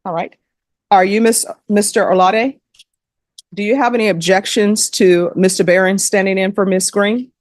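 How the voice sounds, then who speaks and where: Female judge on the bench, steady mid-pitched voice, formal and measured, dry mic. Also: no echo. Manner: measured, formal reading of legal admonishments. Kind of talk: formal courtroom proceedings. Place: courtroom.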